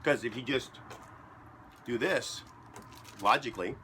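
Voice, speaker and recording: A man talking to camera from his basement in a rambling, deadpan way, joking as he goes and chewing as he talks. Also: medium pitch, a little slow, a little hiss or hum. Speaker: vlogger. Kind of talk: casual rambling monologue to camera.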